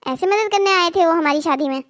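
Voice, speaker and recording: A performer voicing an angry young cartoon brother, high-voiced, argumentative. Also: male voice, a bit bright. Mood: defiant. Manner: indignant, argumentative, quick to anger. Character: hot-headed protective young brother. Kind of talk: cartoon story voice acting.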